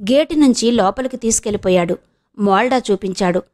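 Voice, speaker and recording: A woman from Andhra Pradesh narrating an audio novel in a steady storytelling way. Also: mid-range voice, fairly quick. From Andhra Pradesh, India.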